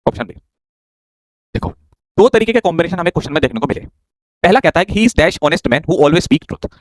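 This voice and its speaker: Fast, high-voiced male teacher. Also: animated, dry recording. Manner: chatty, scolding and joking with students. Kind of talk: online exam-prep grammar class.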